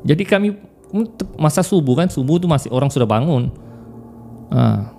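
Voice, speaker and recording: A young man telling a story casually, animated and laughing often as he mimics voices. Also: medium pitch, moderate pace, vocal fry, slight background noise.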